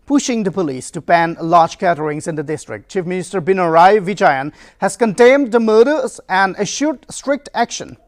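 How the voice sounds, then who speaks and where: High-pitched male newsreader. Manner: formal. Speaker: news anchor. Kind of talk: scripted news reading.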